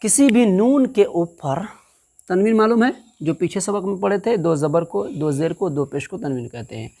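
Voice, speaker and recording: A woman with a lowish, expressive voice and a dark tone teaches Quran reading step by step. Patient throughout, she spells out syllables slowly, repeats them, and asks "understood?" to make sure the learner is following in this recitation lesson.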